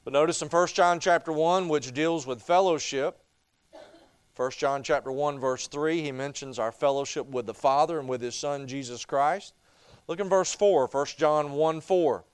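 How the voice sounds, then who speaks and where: Folksy preacher, crisp dry voice. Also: male voice, a little high, normal speed, no room sound. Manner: folksy storytelling. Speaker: pastor. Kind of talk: Bible study teaching. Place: church.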